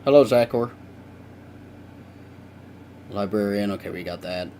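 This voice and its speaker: Drawing during a live stream, a young man chats casually and rambles to his viewers, letting the odd curse slip out without fuss. His voice is lowish, warm, and unhurried. A faint hiss runs beneath the recording.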